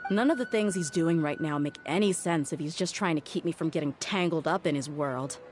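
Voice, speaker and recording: A woman's voice: low-pitched, brisk, darkish tone, natural voice. An actress playing a stern, determined young woman investigator in a video game, blunt and commanding. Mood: frustrated, hurt. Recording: music under the voice.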